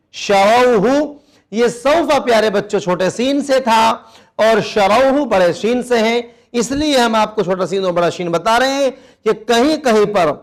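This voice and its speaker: High-voiced man teaching Quran reading to children. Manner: patient, repeats each word slowly for children. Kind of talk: children's recitation lesson.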